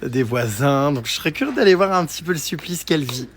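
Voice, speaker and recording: A man vlogging on his travels, chatty and teasing, excitable, filming on a handheld camera. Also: a little high, fast. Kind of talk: travel vlog narration.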